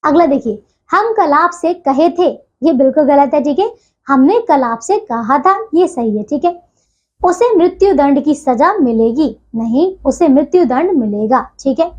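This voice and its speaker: High-voiced woman teaching young children. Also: animated, unhurried. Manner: patient, repeats "ठीक है" after each point. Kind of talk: grammar lesson for children. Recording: dull lo-fi recording.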